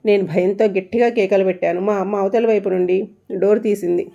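A woman narrating a scripted ghost story in steady, suspenseful storytelling. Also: medium pitch, a little fast, gravelly, lo-fi sound.

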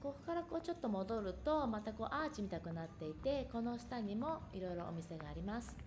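A woman's voice: on the high side, sing-song, a little fast, a little mellow. A woman giving a casual, chatty walking tour of an outdoor shopping village, talking to viewers from behind a handheld camera. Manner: chatty, friendly asides to the viewer. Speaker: vlogger touring an outlet. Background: background music.

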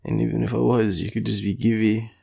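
This lowish, gravelly voice belongs to an audio roleplay performer cast as a sleepy Australian boyfriend, clingy and teasing in an intimate scene. He talks fast in a level tone, sounding mellow and husky while he murmurs, rambles and often drops to a half-whisper.

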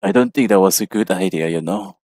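Male gamer, very low voice, playful let's-play banter to a sidekick character. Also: huge pitch swings, fairly quick, creaky, noisy background. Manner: jokey, chats to an in-game companion. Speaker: gamer playing a horror game.

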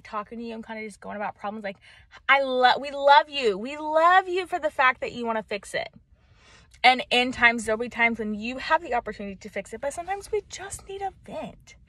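A young woman vlogging relationship advice outdoors in the mountains, animated and chatty, speaking around braces. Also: sits high, brisk, no room sound. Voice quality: talks around braces, sucking back saliva. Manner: animated, chatty, lots of fillers. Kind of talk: casual talk to camera. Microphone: camera.

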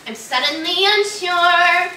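A young woman speaks playfully in a comedy skit. Her voice is very high and sharp. The recording is distant and roomy, with faint noise. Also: takes it slowly. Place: small furnished room indoors. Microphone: far camera.

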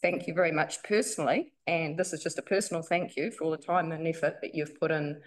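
A woman gives an informal address to a local council meeting. Her voice sits fairly low, and she fills her speech with ums and restarts as she reads loosely from notes. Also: fairly even intonation, fast talker. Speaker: member of the public.

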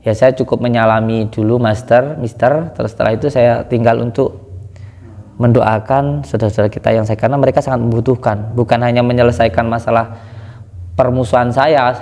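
Guy telling a story to a kiai, gets loud and high when worked up, lots of hall reverb. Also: brisk. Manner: animated storytelling, rising high when indignant. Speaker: guest speaking to a kiai. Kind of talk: casual spoken account.

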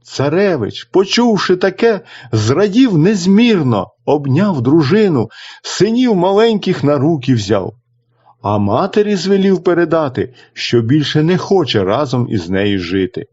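Animated male storyteller reading a folk tale. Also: fairly high pitch, measured pace, breathy edge. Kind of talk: storybook narration for children. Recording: dull lo-fi recording.

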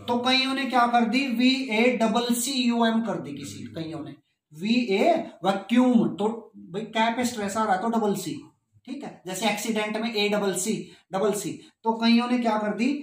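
A woman's voice: mid-range voice, roomy sound. A woman teaching an English spelling lesson, spelling words out letter by letter and mixing Hindi with English phrases. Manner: explains slowly, spells out letters one by one.

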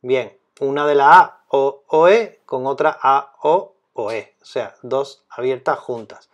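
A man explaining a grammar lesson as a teacher, speaking slowly and deliberately and repeating key terms. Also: mid-range voice.

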